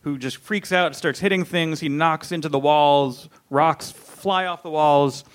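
A man's voice: on the high side, measured pace. A man hosting a casual, comedic film recap chat in a wry, jokey manner, often laughing as he talks. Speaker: podcast host recapping a film.

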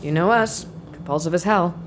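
A woman's voice: lowish voice, normal speed, close to an everyday voice. A woman talking in a casual, direct way. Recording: loud background noise.

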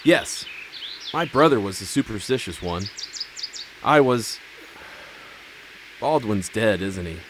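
A man playing a complaining, sheepish farm boy turned highwayman in an audio drama, plaintive and wry. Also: animated, slow pace, long pauses, fairly bright tone, slight background noise. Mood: subdued. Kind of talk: dramatic audio fiction acting. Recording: clear birdsong and outdoor ambience behind. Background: birdsong, outdoor ambience.

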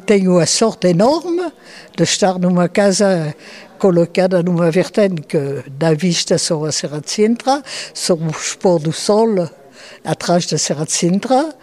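Elderly woman, nineties, mellow voice, reflective. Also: on the low side, expressive. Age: 90s. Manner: slow, thoughtful, with hesitations and restarts. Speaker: interviewee. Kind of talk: reflective interview answers.

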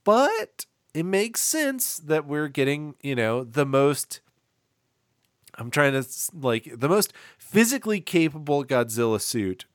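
A man co-hosting a podcast in casual chat, animated and jokey, rambling through his thoughts. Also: on the high side, takes it slowly, no room sound, clean studio sound. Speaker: podcast co-host.

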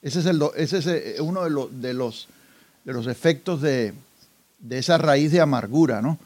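A man with a high voice hosts an interview. He reads quoted passages aloud and prompts his guest with short questions. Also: normal speed, darkish tone. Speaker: interviewer host. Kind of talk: interview conversation.

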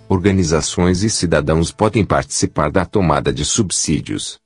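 A very low male voice from an old-style speech synthesizer reads scripted news with a Brazilian accent. The delivery is mechanical and announcer-like. The tone is husky, with soft music underneath. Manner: mechanical, evenly read announcements. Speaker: podcast news bulletin announcer.

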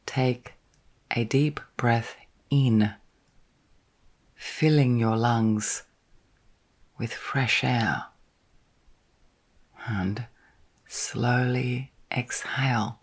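A woman guides a sleep meditation in a soft, breathy voice, partly whispering and gently soothing. Her voice is very deep, and she leaves long pauses between short phrases.

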